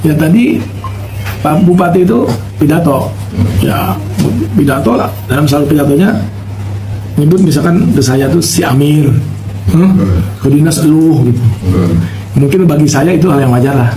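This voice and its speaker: A middle-aged man, explaining himself in a measured, word-searching way during a press interview. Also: on the high side, over music. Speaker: vice regent giving a press interview. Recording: echoey with loud ambient noise.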